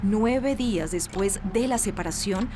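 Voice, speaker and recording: A woman with a Colombian accent giving measured, grave, scripted narration for an investigative news report. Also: mid-range voice, over music.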